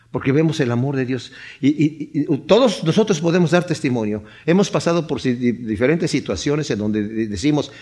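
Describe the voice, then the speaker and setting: A middle-aged man preaching a sermon, lively and acting out the voices he quotes. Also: a little high. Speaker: pastor.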